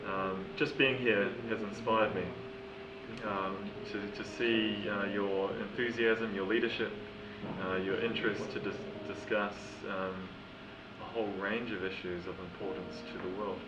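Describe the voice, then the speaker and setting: A man giving formal event remarks in a measured, halting way. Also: lowish voice, fairly even intonation. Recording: distant, dull, echoey, noisy room.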